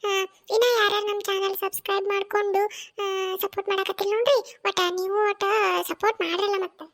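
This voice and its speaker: Narrator for a cartoon channel, very high and fast. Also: level tone, a bit bright.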